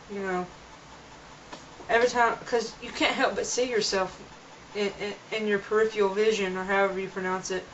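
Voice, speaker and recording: A young woman speaks earnestly in a casual vlog, her mid-range voice fairly bright as she rambles and restarts sentences. She's at home on a camera mic, and the dull lo-fi recording carries a little hiss or hum.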